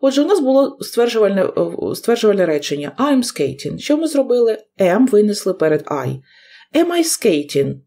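A hoarse woman teaching an English grammar lesson on video, reading the English example sentences slowly and carefully. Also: medium pitch, very animated, mellow. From Ukraine.

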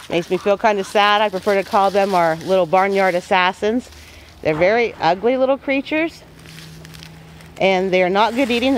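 Plainspoken homesteader lady talking over farm clips, folksy and easygoing, medium pitched. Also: slight background noise, low-quality recording. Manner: plain-spoken and folksy, with homey farm phrasing. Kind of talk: casual voice-over narration.

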